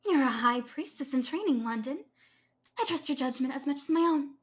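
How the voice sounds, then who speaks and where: A woman doing an airy, gentle high priestess. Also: brisk. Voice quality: light and airy voice. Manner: calm, playful, gracious. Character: gentle, teasing adult female high priestess.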